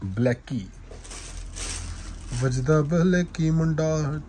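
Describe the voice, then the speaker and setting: A man gives informal, effusive shop sales patter, dramatic and full of drawn-out exclamations. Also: fairly high pitch, dark tone. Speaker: shop seller presenting suit fabrics. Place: indoor fabric shop with tiled floor. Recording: clearly noisy shop-floor phone recording.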